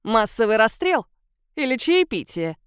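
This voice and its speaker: A stern, uncompromising matriarch, played by a woman reader in an audiobook. She lays down the law in slow, clipped, measured phrases over a dry recording. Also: a little high, big pitch swings, smooth, no room sound. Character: stern uncompromising elder woman leader Katerina.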